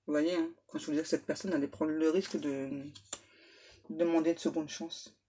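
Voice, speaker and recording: A woman medium giving a relaxed tarot reading to her viewers, reassuring them and tacking little asides onto her sentences. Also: low voice, a little hiss or hum. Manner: unhurried, reassuring, full of little "hein" and "ouais" asides; reads English card names aloud. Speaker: medium doing card readings.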